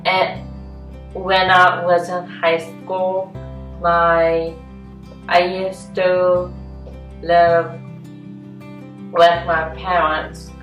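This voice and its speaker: Young woman in her twenties, halting, flat and low, distant mic in a roomy space with soft guitar behind. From North Carolina, US. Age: 20s. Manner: halting, words spaced out with pauses. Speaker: interviewee. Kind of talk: personal interview.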